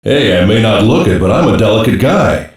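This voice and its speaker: In English-dub anime voice lines, a male actor voices a gruff special-ops cyborg soldier, firing off blunt, slangy, sardonic wisecracks in a low, natural voice. He sounds wry and casual, with lively intonation and a slightly fast pace, while the audio is heavily echoed and distant from the mic.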